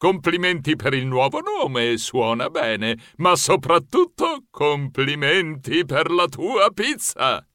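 Genial expert mouse pizzaiolo, put on by a male narrator; slow, bright and tuneful. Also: on the high side, very animated, no room sound, clean studio sound, full character voice. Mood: friendly. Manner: slow, solemn, warmly assured. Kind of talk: audiobook character voice.

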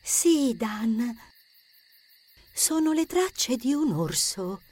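A woman voicing a quiet, serious teenage girl who speaks calmly and gravely, in an audiobook story. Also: on the high side, very slow, full character voice. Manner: calm, grave. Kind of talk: audiobook character acting.

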